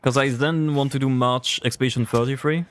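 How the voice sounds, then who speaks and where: Playing a game on a livestream, a young French-accented streamer chats casually and rambles while responding to his chat. He speaks fairly quickly in a mid-range voice with fairly even intonation.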